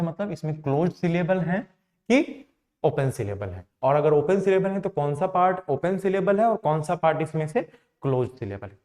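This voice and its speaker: A man teaching an English lesson, explaining slowly, repeating words for emphasis and answering his own questions. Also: a little high, mellow. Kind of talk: classroom lesson.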